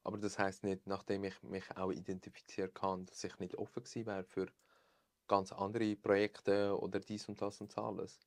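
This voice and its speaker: A young man with a Swiss German accent talks as a podcast guest in a low-pitched voice, animated and sprinkling English phrases into his speech. The sound is dry and close, with no room around it. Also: moderate pace, dry recording. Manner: expressive, mixes English phrases, laughs often. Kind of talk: casual chat.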